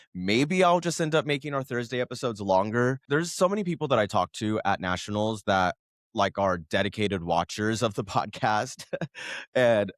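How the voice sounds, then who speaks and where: A man's voice: on the low side, no room sound, clean studio sound. Chatty man in his thirties hosting a podcast. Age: 30s. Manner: chatty, rambling, self-correcting, laughs often. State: coming down with a cold. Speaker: podcast host. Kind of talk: casual solo podcast talk.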